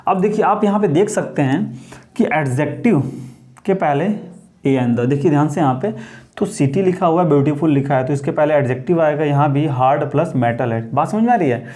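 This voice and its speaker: A man's voice: fairly high pitch, fairly quick, a little mellow. A man teaching grammar in Hindi, asking rhetorical questions and calling his viewers friends. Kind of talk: Hindi-English grammar lesson.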